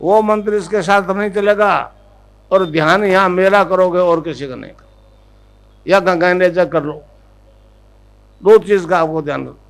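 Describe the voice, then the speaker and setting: A man with a high voice, heard on a low-quality recording, gives a devotional discourse as a spiritual guru. He teaches instructively, often checks that listeners have understood, and repeats a chant slowly so they can follow.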